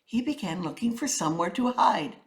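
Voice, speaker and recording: A woman storyteller narrates a children's tale theatrically, emphasizing words and using rhythmic sound words. Her mid-range voice is animated and a little fast.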